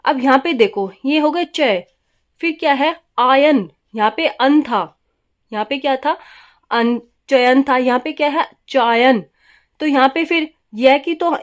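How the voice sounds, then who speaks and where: A woman with a voice that sits high runs a grammar class, posing questions to her students and then answering them herself. She repeats the key words and slips English words into her speech.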